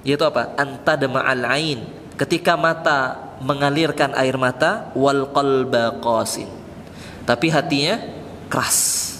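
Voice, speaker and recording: A man, an ustaz, gives a casual sermon in a mosque, speaking conversationally and reciting Arabic quotes slowly. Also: mid-range voice, bright, forceful tone. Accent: Indonesian. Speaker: ustaz giving a mosque study session. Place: mosque hall. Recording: reverberant mosque hall with faint background noise.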